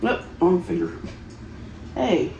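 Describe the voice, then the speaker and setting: Creaky, slow-talking giggly woman. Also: on the low side, huge pitch swings, darkish tone. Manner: giggly, playful, exclaiming. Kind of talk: casual chat while unboxing Halloween items. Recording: roomy echo with clear background noise.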